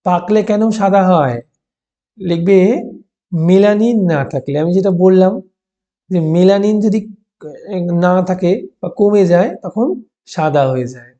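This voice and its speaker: A man's voice: high voice, measured pace, pauses often, warm tone. A male teacher giving a school lesson, dictating answers to write down in short, repeated pieces and prompting with questions. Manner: instructive, prompts with questions then answers them. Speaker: teacher explaining class 5 textbook answers. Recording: dull, muffled lo-fi recording.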